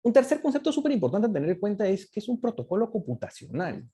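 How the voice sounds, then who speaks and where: Guy lecturing off slides, mellow husky voice, keeps tacking on "right?". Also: sits high, big pitch swings, quick pace. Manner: explanatory, often ends points with a tag question. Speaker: guest speaker on crypto economics.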